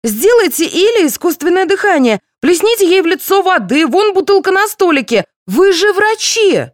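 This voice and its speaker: A shrill, panicked woman , put on by an audiobook narrator, shrieks her orders in a very high voice that swoops all over. The sound is dry and close, with no room around it. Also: very animated, moderate pace, no echo. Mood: frantic. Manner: shrieking, frantic.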